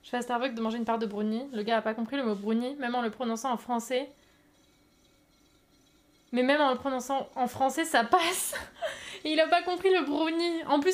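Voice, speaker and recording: A young French woman chatting casually with viewers on a live stream, lively and quick to laugh. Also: high-pitched. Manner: lively, giggly, reacts to chat.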